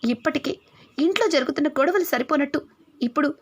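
A woman's voice: sits high, fast talker, natural voice. A woman voicing a stern, protective mother-in-law who scolds. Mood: scolding.

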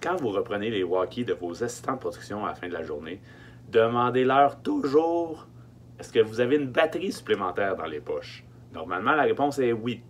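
A man in his thirties from Quebec, working as a film production logistics technician, gives tips in an expressive voice of fairly low pitch. Muffled by a face mask, his informal delivery is emphatic, with hesitant pauses and repeated key words, all in a Quebec French accent. The setting is a small wooden-lined storage truck, and a faint hum and background noise come through.

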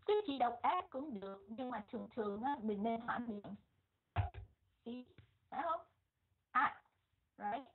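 Slow-speaking woman teacher, Vietnamese accent. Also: on the high side, lively intonation, husky. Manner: repeats words slowly, mixing English and Vietnamese. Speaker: English pronunciation teacher. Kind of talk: pronunciation lesson, modeling words slowly. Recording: muffled, phone-like lo-fi audio.

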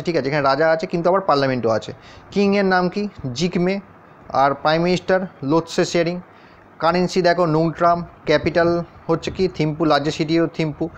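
Man teaching exam prep over a map. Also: a little high. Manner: addresses students directly, often checks in with questions. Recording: dull, lo-fi sound.

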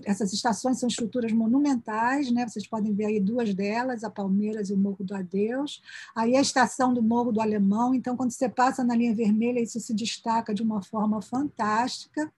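A woman giving an academic conference presentation over a video call, peppering her sentences with little tag questions and restarting phrases as she rushes to finish in time. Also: on the high side, a little mellow, husky, no room sound. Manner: sprinkles "né" fillers and restarts mid-phrase; hurried toward the end of her time.

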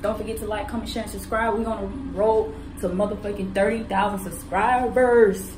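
A woman's voice: medium pitch, steady tone, a little fast, echoey room, noisy background. A woman in her thirties talking casually to her phone camera in a car and a hotel bathroom, blunt and profane, repeating herself as she chats. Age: 30s. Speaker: vlogger. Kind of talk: casual vlog talk to camera. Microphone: phone held close at arm's length.

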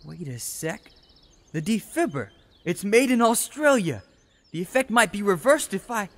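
A man voicing an excitable young male cartoon buddy with a squeaky, incredulous manner. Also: moderate pace, in a large hall, full character voice. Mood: scheming.

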